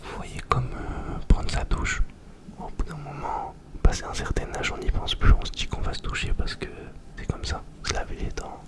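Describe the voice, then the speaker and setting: A young man doing ASMR, chatting informally in a breathy whisper right in the listener's ear, very close to the microphone. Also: moderate pace. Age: young adult. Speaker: ASMR video host. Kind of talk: ASMR, informal question-and-answer chat.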